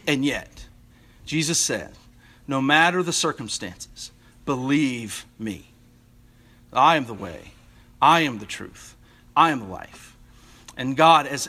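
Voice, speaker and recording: A man preaching a sermon as an assistant rector, earnest, with soft emphatic repetitions. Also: fairly high pitch.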